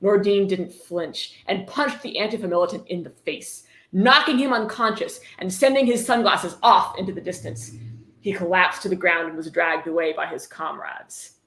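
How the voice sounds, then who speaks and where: A woman hosts a casual livestream reading, speaking at normal speed in a fairly low, slightly bright voice. Her running commentary is sarcastic, wry and blunt, and the recording has a roomy echo.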